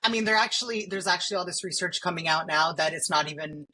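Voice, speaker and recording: A woman's voice: lowish voice, fast talker, sharp tone, a little hiss or hum. A woman co-hosting a podcast, chatting casually in an enthusiastic, emphatic way. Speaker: podcast co-host. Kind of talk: casual chat.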